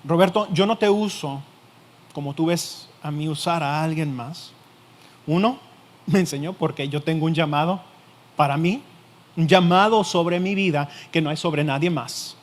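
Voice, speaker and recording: A male pastor delivering a sermon, speaking in a voice pitched somewhat high for a man. He addresses the listener directly and returns again and again to the same key phrases. Many sentences start firm and then sink to a soft, hushed finish. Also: normal speed. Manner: emphatic, repeats key phrases, drops to a quiet hush at phrase ends.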